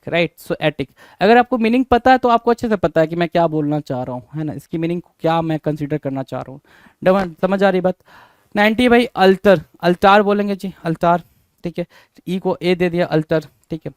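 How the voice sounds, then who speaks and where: Man spelling words aloud, crisp voice. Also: high voice, a little mellow, no echo. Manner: repeats questions to students and answers them. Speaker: teacher. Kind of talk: spelling lesson.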